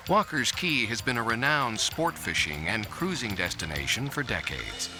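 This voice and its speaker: Expressive male nature documentary narrator. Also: medium pitch, normal speed. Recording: narration over music bed. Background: music.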